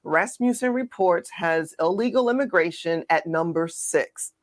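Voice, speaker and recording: A woman co-host delivers pointed political commentary in a somewhat low voice. She is emphatic and sarcastic, and she speaks straight to her viewers. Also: measured pace. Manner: emphatic, sarcastic, addresses the audience directly.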